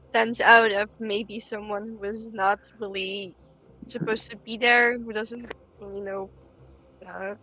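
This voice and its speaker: A woman's voice: medium pitch, bright, forceful tone, muffled recording. A woman speaking casually and tentatively as a player in a tabletop game. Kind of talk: casual, tentative tabletop role-play chat.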